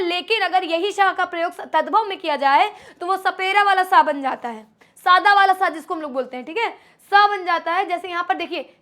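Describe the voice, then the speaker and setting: A woman teaching Hindi grammar in an online exam-prep lesson. She calls her students "my child", asks questions and answers them herself, and slows down to stress key letters. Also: very high-pitched, pushed and bright.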